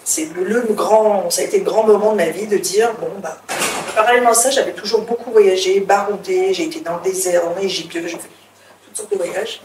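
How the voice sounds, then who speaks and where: Here a middle-aged woman from France talks in a mid-range, steady voice that is a little fast and a little mellow. She chats as an interview guest, often hesitating and restarting as she tells her story, and the distant mic picks up a roomy sound with faint hiss.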